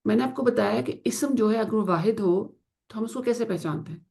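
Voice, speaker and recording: Gravelly woman teaching Arabic grammar. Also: a little high, a little mellow. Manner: slow drawn-out pronunciation of Arabic example words, asks students to confirm. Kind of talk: online class lesson in Urdu with English words.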